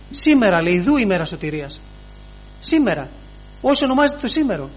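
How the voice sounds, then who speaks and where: A man preaching a sermon, pausing often, repeating phrases and inserting "he says" as he retells scripture. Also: high-pitched, husky.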